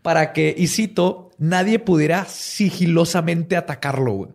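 A man's voice: on the high side, normal speed, creaky, darkish tone. Slangy Mexican man telling a story. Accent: Mexican Spanish. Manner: jokey, slangy, laughs often. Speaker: podcast host. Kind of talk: casual storytelling chat.

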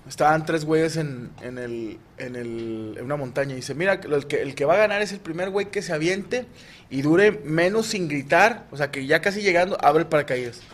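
A Mexican man telling crude jokes casually among friends, full of slang and doing lively voices for the characters. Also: a little high, moderate pace. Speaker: joke teller.

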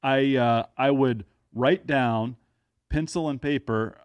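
A man's voice: mid-range voice, takes it slowly, no echo, muffled recording. A man in his thirties hosting a podcast in casual chat, with dry, self-mocking humor. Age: 30s. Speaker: podcast host.

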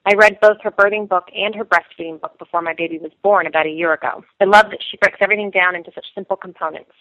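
A woman's voice: mid-range voice, no room sound. A woman from Colorado leaving an enthusiastic voice message for a show. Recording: tinny phone-line message.

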